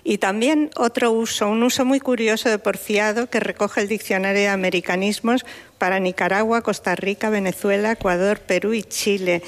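A woman co-hosting a radio show, explaining word meanings in a measured way. Her voice is of middle pitch and carries a long studio reverb. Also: fairly even intonation. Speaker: radio co-host on word usage. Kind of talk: radio chat.

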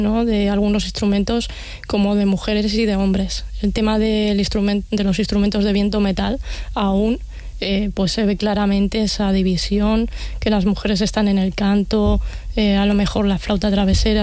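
A woman explaining her festival in a radio interview, measured and explanatory, often pausing with fillers and tag questions. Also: medium pitch, level tone, dark tone, no room sound. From Castilla-La Mancha, Spain. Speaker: festival organizer guest.

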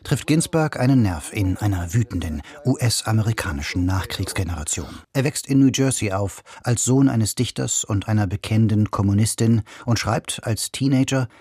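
A man reading a scripted radio portrait in an even, measured way. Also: on the low side. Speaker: radio reporter. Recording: music bed under voice.

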